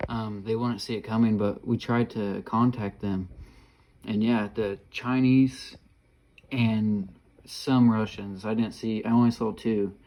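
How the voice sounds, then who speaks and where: A man's voice: medium pitch, mellow, poor audio. A man vlogging about his dreams in a casual, rambling monologue, hesitant with many fillers and restarts, yet earnest and insistent.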